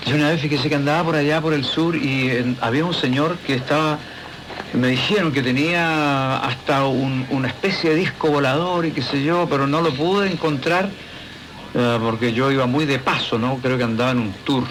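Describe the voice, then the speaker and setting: A man's voice: mid-range voice, normal speed, background noise. A man hosting a radio talk show, interviewing a guest in a rambling, conversational way with many asides. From Chile.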